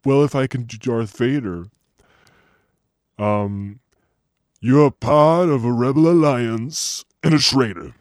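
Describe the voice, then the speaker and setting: A man co-hosting a casual chat, his voice made unnaturally deep by breathing a heavy gas, joking and playful in his banter. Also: slow, pauses often, no echo, clean studio sound. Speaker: co-host.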